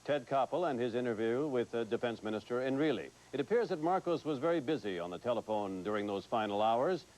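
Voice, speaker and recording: A man's voice: mid-range voice, animated, fairly quick, hardly any pauses, a little mellow, rough recording. Man anchoring a TV newscast. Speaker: news anchor. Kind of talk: TV news anchoring.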